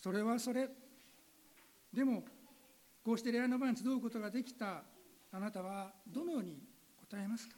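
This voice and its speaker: A woman's voice: fairly high pitch, normal speed, pauses often, darkish tone, low-quality recording. Earnest woman pastor preaching. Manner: earnest, addresses listeners with direct questions. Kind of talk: sermon ending in a spoken prayer.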